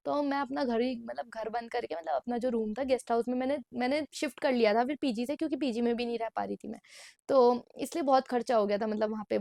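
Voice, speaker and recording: A woman's voice: on the high side, creaky, dark tone, no echo. A woman in her twenties telling a personal story in a casual vlog, chatty and mixing English phrases into her Hindi. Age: 20s. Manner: chatty, mixes English phrases into Hindi and keeps saying "bhai". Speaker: vlogger. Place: indoor room at night.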